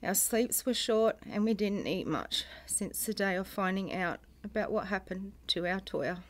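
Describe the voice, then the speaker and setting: Middle-aged woman, medium pitch, grieving mother, solemn measured reading of a personal statement, short phrases. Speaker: bereaved mother making a public statement.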